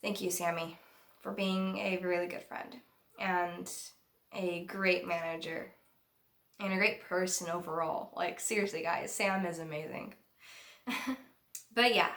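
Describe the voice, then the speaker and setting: A woman's voice: medium pitch, sharp tone, echoey room. A young woman vlogger telling a personal story in a casual, chatty way, laughing often.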